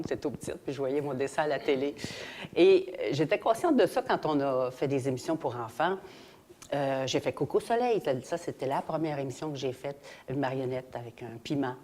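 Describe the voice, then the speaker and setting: A woman's voice: sits low, fairly quick, mellow. An older Québécois woman, a guest actress, telling stories in a casual interview and briefly mimicking voices.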